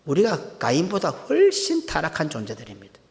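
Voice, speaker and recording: A man's voice: fairly high pitch, wildly swooping pitch, a little fast, vocal fry, darkish tone. A middle-aged male senior pastor, preaching a sermon with emphatic rhetorical questions to the congregation. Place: church sanctuary. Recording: long church hall reverb.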